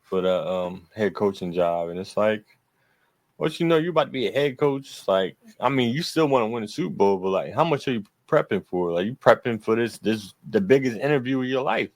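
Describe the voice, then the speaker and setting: Male podcast co-host, lower voice, crude trash-talking sports banter. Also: animated, fairly quick, no echo. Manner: profane, laughing, trash-talking. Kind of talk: casual sports chat.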